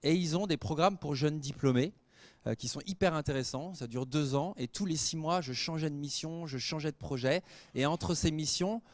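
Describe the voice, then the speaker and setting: A man in his forties, a guest speaker telling anecdotes to students in a lively way, with many fillers. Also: fairly high pitch, normal speed. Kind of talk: storytelling talk to students.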